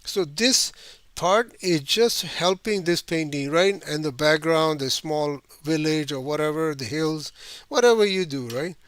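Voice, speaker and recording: A man's voice: a little high, unhurried, fairly bright tone, no echo. A man teaching watercolor, rambling. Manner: rambling, many fillers and tag "right?". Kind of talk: painting lesson demonstration.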